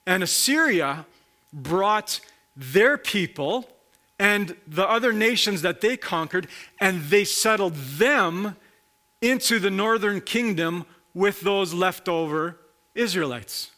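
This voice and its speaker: A man preaching a sermon, slowly explaining a Bible passage and posing rhetorical questions. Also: sits high, sharp tone. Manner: slow, reflective Bible teaching with rhetorical questions.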